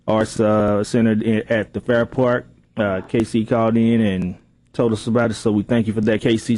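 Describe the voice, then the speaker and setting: A man hosts a call-in radio show from the studio. His voice sits low, and he makes relaxed, steady announcements in a dry, close sound. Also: dry recording. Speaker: radio talk show host.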